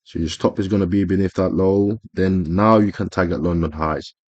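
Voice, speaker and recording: A man's voice: sits low, fairly even intonation, moderate pace, no room sound, lo-fi sound. A man explaining a trading strategy over his screen in a casual tutorial, rambling with frequent fillers and self-corrections. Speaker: trading educator.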